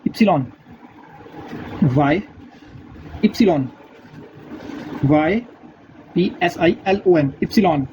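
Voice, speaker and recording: High-voiced man drilling letter sounds. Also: lively intonation, a little mellow. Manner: repeats sounds slowly, patient drilling. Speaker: language teacher. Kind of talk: casual spoken lesson. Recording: dull lo-fi recording, faint noise.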